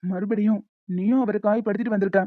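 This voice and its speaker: A woman's voice: medium pitch, fairly even intonation, quick pace, no room sound, natural voice. A woman doing a coaxing, lecturing friend. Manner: coaxing, advising. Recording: tinny phone-like dry recording.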